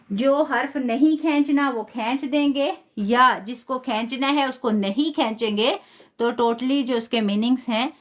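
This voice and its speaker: A woman's voice: high voice, fairly bright tone. Patient woman teaching Quran recitation. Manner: patient, spells out sounds slowly, praises students. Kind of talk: live online lesson.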